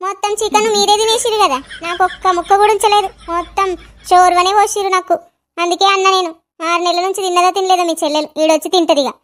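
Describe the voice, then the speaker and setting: A woman playing a quarrelsome, jealous village wife who scolds in fast, rapid-fire complaints. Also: very high-pitched, steady tone, fairly bright tone, a little hiss or hum. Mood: complaining.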